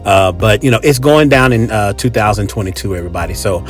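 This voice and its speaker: Quick and animated in a lowish voice, the American podcast host rolls through a casual monologue packed with opinions. Faint music plays as he speaks emphatically and repetitively, using lots of slang.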